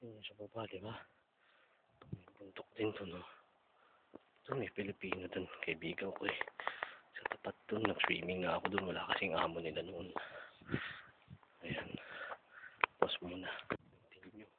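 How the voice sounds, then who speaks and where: Guy walking around a hillside property saying ayan a lot, kinda out of breath, loud noisy lo-fi audio. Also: low voice, fairly even intonation. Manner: points things out with repeated "ayan", slow and unhurried. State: out of breath while climbing. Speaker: vlogger giving a walking tour of an estate. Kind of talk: casual walking tour narration. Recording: tinny lo-fi phone-like audio, loud noise.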